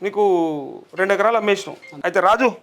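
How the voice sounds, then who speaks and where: A man's voice: high voice, fast talker, fairly bright tone. A male journalist, interviewing people on the spot, coaxing them and repeating their answers back.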